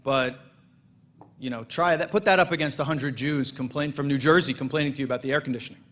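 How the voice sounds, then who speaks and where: A man, the president of a congregation, giving a relaxed welcome speech with self-deprecating jokes and frequent restarts. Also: mid-range voice, quick pace. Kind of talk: welcome speech at a holiday service. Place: synagogue sanctuary.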